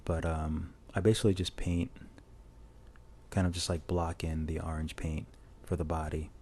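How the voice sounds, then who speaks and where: Speaking at a moderate pace in a low, slightly rough voice, a man narrates a drawing tutorial as casual voice-over. He's relaxed and rambling, with many restarts, recorded through a lavalier mic connected to a phone.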